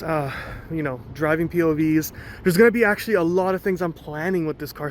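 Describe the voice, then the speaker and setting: A man's voice: on the high side, slight background noise. A man casually showing viewers his car outdoors, rambling with lots of fillers and a little out of breath. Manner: rambling, loose, many fillers. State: a bit out of breath. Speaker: car vlogger.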